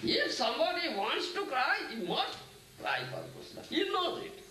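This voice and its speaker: A man's voice: very high voice, very animated, normal speed, sharp tone, a little hiss or hum. A man giving a sermon as a spiritual teacher, often asking his listeners "huh? isn't it?". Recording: echoey room, mic at a distance.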